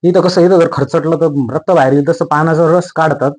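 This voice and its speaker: A man's voice: on the high side, fairly even intonation, fairly quick, a little mellow, poor audio. A young man, casually explaining crop pests to farmers in a folksy way, repeating points and mimicking the insects. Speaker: farming channel host.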